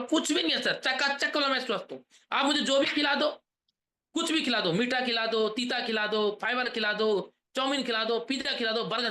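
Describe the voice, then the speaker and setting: High bright-voiced man giving a pep talk. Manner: rousing, asks the audience questions, leads chants. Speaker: motivational trainer. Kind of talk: energetic sales pep talk on a video call.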